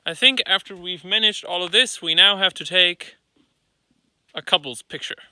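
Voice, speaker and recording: A man's voice: high voice, moderate pace, pushed and bright, smooth. A man hosting a travel vlog, talking casually in a wry, self-deprecating way. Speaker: vlog host.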